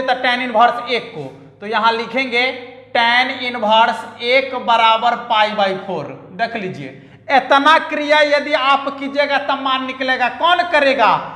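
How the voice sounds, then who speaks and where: A man's voice: extremely high pitch, pushed and bright. A man teaching math in an online exam-prep lesson, emphatic and repetitive, with teasing asides to his students. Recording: echoey room with long reverb.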